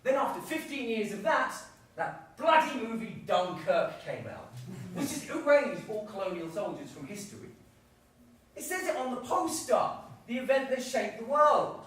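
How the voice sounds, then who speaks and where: A man's voice: sits high, slight background noise. A man performing a live solo comedy show, telling his story in a mock-earnest way. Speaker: stand-up performer. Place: theatre stage. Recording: echoey stage, far-off mic.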